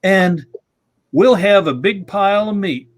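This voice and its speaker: A man imitating a friend, an easygoing southern cook, in a slow Savannah drawl. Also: high voice, expressive, voice pushed up. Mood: unbothered.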